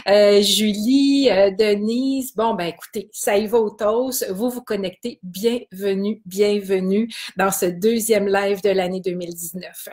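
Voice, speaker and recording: A woman's voice: medium pitch, steady tone, unhurried, few pauses, darkish tone. A woman with a Québécois accent hosting a wellness live stream from her computer, greeting viewers by name in a chatty way with many hesitations. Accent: Québécois French. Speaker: kinesiology wellness host.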